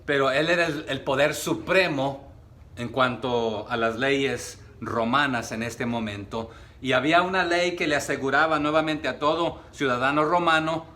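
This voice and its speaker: A man's voice: medium pitch, bright, forceful tone. A man preaching a sermon to his congregation, speaking to them as brothers, asking them questions and acting out the words of biblical figures. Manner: addresses congregation as brothers, asks rhetorical questions, acts out quotes. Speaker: pastor. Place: church.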